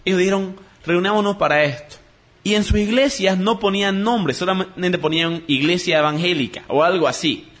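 A man preaching a sermon in an earnest teaching tone, calling his listeners brothers. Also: high-pitched. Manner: acts out dialogue in a joke with lively voices.

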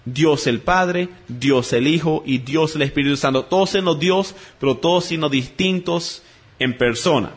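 A man's voice: on the high side, unhurried, breathy edge. A man preaching a sermon in an earnest teaching tone, calling his listeners brothers. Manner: acts out dialogue in a joke with lively voices.

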